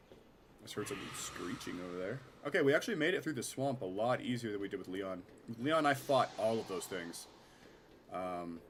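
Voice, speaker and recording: A man streaming a game with casual live commentary, chatty and self-mocking with some swearing, his voice nasal and his throat scratchy from a cold. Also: lowish voice.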